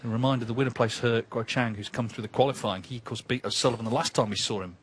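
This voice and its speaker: A man giving live snooker match commentary in a measured way, often turning remarks into tag questions. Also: medium pitch, steady tone. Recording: background noise and arena ambience.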